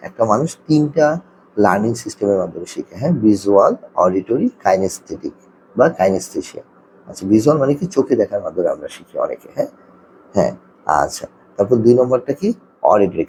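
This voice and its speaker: A man, an occupational therapist, explaining a topic to parents, repeating his points, often checking in with listeners, and sounding out letters slowly. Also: mid-range voice, mellow, a little hiss or hum, rough recording.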